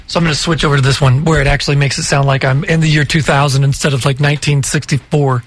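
Speaking fast in a fairly high, steady voice, a morning radio host trips over his words while bantering casually into a studio microphone. He comes across as talkative and a bit flustered.

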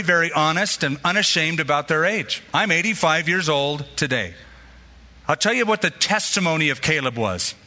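In a sermon echoing through a long-reverb hall, a pastor whose voice sits somewhat high for a man speaks with a very bright, forceful tone. His storytelling is lively, and he performs the voices of those he quotes.

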